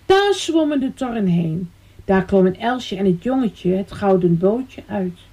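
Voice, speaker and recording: A woman reading a children's storybook aloud in a soft, lilting manner. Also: medium pitch, animated, measured pace, breathy edge.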